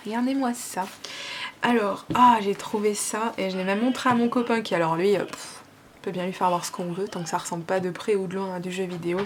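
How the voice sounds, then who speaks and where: A woman's voice: mid-range voice, a little hiss or hum. Gushing chatty French woman vlogger. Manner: gushing, chatty, many fillers. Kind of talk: casual unboxing chat.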